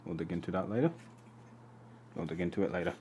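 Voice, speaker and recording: A Polish man with a deep voice talks fast on a casual live stream, rambling and humming to himself as he works. There's loud background noise in the recording.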